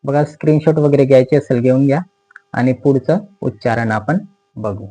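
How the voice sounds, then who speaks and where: A man with a Marathi accent teaching English pronunciation in a slow explanatory lesson, repeating each word and its meaning patiently. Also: medium pitch, warm tone, rough recording.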